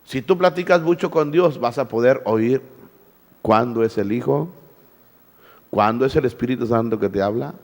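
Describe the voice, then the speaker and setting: A man's voice: mid-range voice, moderate pace, a little mellow, big-room sound. A male pastor preaching a sermon, firing rhetorical questions at the congregation and repeating his words. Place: church.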